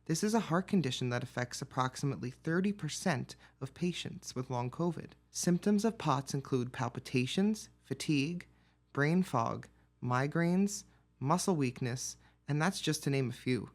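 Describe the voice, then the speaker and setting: A man's voice: on the high side, animated, normal speed. A male news reporter reading a scripted report narration.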